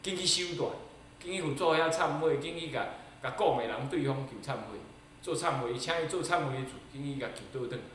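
A man's voice: fairly high pitch, a little fast, a bit bright, far from the mic, slight background noise. A Taiwanese-accented Buddhist abbot giving a Dharma sermon, emphatic and repetitive, often turning to his listeners with rhetorical questions. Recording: very echoey hall.

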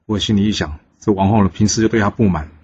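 Man, storytelling host, lively narration, low voice, faint hiss. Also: quick pace. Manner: lively, voices characters lightly in quotes. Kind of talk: storytelling narration of a classical tale. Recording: slightly dull recording with faint noise.

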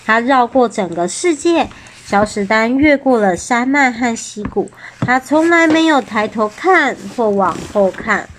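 Taiwanese-accented mom, storybook read-aloud, gentle, chatty, higher voice. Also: female voice, lively intonation, measured pace, slight background noise. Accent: Taiwanese Mandarin. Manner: gentle, chatty, asks the child questions. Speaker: mother reading to her child.

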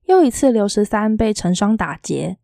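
A woman reads a novel aloud in a soft, quietly lilting storytelling voice. Her tone is mellow and warm, and the sound is dry and close. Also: mid-range voice, expressive, normal speed, creaky, no room sound. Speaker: audiobook reader.

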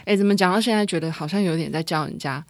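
A Taiwanese woman chats alone as a podcast host, thinking things through as she explains. Her voice sits on the low side and comes through a face mask, so it is slightly muffled with audible, slightly winded breathing. The sound is very dry and close to the microphone. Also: racing, no echo. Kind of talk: casual solo podcast monologue.

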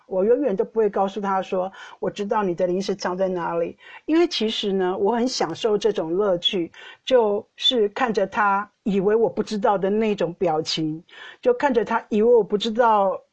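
A woman's voice: medium pitch, darkish tone, slightly rough. A middle-aged woman telling a playful home story as a podcast host, laughing often as she goes. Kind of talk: casual storytelling monologue. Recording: dull lo-fi recording.

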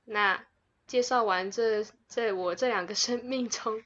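A young woman, co-hosting a podcast and telling personal stories in a chatty, warm way. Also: a little high, measured pace, dull audio, a little hiss or hum. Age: young adult. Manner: chatty and warm, with frequent laughs. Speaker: podcast co-host. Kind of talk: casual storytelling chat.

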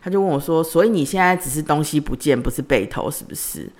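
A woman's voice: deep voice, expressive, fast talker, darkish tone. A woman, hosting a podcast and telling a personal story in a conversational way, retelling the dialogue in her own voice. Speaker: podcast host.

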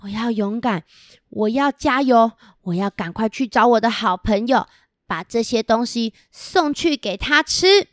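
A timid little storybook rabbit acted by a woman, working up courage. The voice is high and changeable in pitch, hesitant and earnest, delivered as if reading to a toddler. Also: lively intonation, unhurried, no echo, clean studio sound. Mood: determined.

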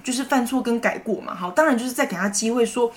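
Speaking quickly in a slightly high voice, this middle-aged teacher and mother with a Taiwanese Mandarin accent co-hosts a chatty podcast. She tells stories with animation and laughs a lot in the casual conversation.

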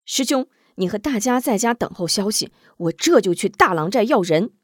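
A woman voicing a hot-headed young male martial artist who speaks in urgent, excitable outbursts. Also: mid-range voice, moderate pace, no echo, studio quality, natural voice. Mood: urgent, excited.

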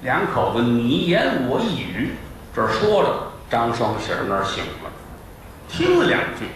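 A man's voice: mid-range voice, huge pitch swings, moderate pace, fairly bright tone, a little hiss or hum. A middle-aged man telling a comic traditional story with playful asides on a live stage, recorded from a distance in an echoey hall.

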